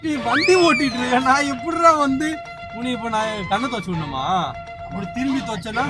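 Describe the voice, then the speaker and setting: A man's voice: very high voice, fairly quick. A young man, a husband filming a prank vlog while driving, scolding and then coaxing in a casual, irritated way. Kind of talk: casual car chat, staged prank. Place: inside a car while driving. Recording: distant mic, loud music bed.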